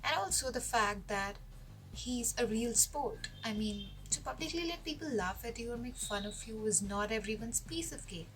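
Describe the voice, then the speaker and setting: A woman's voice: a little high, lively intonation, normal speed, a bit bright, low-quality recording. A woman giving an articulate, reflective fan testimonial. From India.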